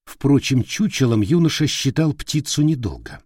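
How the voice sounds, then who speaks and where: A man narrating an audiobook with an expressive storytelling manner and a husky voice. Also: mid-range voice, moderate pace, dry recording, clean studio sound.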